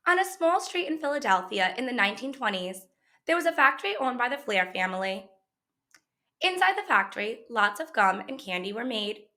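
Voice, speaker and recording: A woman with a slightly high voice reads a children's picture book aloud the way a teacher would, telling the story expressively.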